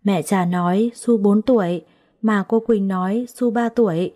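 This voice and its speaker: A woman voicing a timid four-year-old girl who speaks softly, as in a storybook reading. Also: mid-range voice, unhurried, natural voice. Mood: earnest. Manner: soft, lisping child talk.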